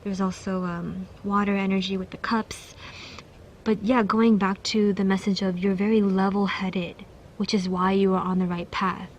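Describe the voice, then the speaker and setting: A woman's voice: mid-range voice, little pitch movement, moderate pace, slight background noise. A young woman giving a casual pick-a-card tarot reading, chatty and giggly, with many fillers and restarts. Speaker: tarot reader.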